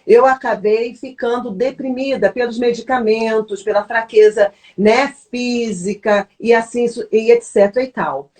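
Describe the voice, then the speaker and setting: A woman's voice: a little high, steady tone, unhurried, hardly any pauses, darkish tone. A woman pastor with a Brazilian Portuguese accent, hosting a faith-based live chat and teaching in a reflective way. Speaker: pastor, host.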